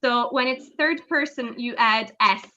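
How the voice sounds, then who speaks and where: A woman teaching English on a video call, patient and explaining slowly with many fillers. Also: on the high side, sharp tone, lo-fi sound. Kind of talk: online language lesson.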